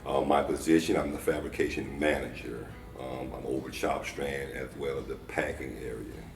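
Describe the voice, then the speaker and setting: A man's voice: very deep voice, fairly even intonation, normal speed. A man, a fabrication manager, talking eagerly with many ums about his job in an employee interview. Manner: enthusiastic, grateful, many ums. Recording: roomy, distant mic, music behind.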